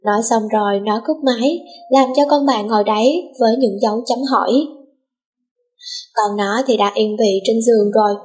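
A woman reading a story aloud as an audiobook narrator, with a smooth storytelling lilt. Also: a little high, moderate pace, darkish tone.

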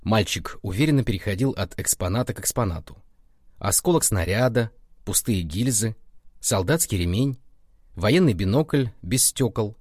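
A man reading a story aloud in a measured, expressive narration. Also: lowish voice, dry recording, clean studio sound.

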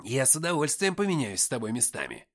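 A man's voice: fairly high pitch, sing-song, normal speed, a bit bright, voice pushed up. A man reading an audiobook voices a cheeky, mocking young man who teases his companions. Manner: teasing, flippant.

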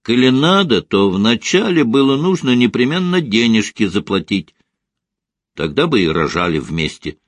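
A man's voice: mid-range voice, very animated, normal speed, no room sound. A man voicing a stern, stone-faced female maternity ward nurse who answers curtly and scolds. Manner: curt, scolding, dismissive.

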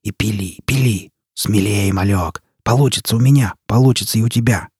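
A man's voice: normal speed, a little mellow, husky, dry recording, studio quality. A man voicing a cunning male prisoner who hisses urgent orders under his breath. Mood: hissing. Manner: hissing, low, urgent.

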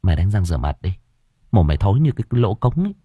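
Brash, excitable young woman with a crude mouth, read by a male narrator, lively swinging pitch, dry sound. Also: fast talker, husky, dry recording, phone-quality sound, heavily acted. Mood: blunt. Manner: loud, blunt, crude talk.

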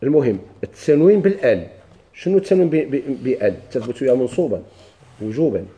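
A man with a Moroccan Arabic accent teaching a grammar lesson. He reads lines of a text slowly, asks the class questions and answers them himself. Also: mid-range voice, animated, dark tone, highs cut off.

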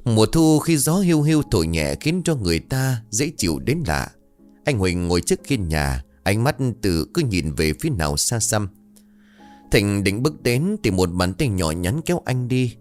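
Guy reading a ghost story, low voice that swings a lot, dramatic, soft music underneath. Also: sing-song, normal speed. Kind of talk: scripted ghost story narration. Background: faint music.

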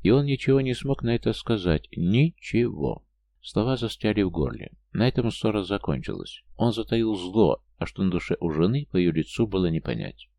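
A man narrating an audiobook in a measured, somber storytelling manner. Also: lowish voice, expressive, gravelly, mellow, dry recording.

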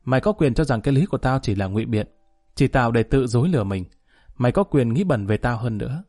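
A man's voice: mid-range voice, animated, quick pace, darkish tone, soft background music. A man reading a proud gang boss. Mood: defiant. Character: proud, stubborn male gang boss, addicted.

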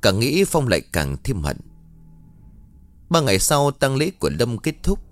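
A man's voice: mid-range voice, wildly swooping pitch, moderate pace. A man narrating a scripted horror story in a somber, dramatic way. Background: faint music.

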